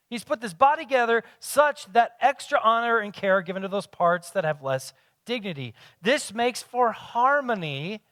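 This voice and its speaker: A man's voice: high-pitched, fairly bright tone, dry recording. A pastor in his forties giving a conversational sermon with self-deprecating humor. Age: 40s.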